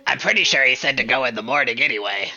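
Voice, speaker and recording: Sharp bright guy chatting in a tabletop game, lo-fi audio, faint music. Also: mid-range voice, lively intonation, quick pace. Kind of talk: casual role-play chat.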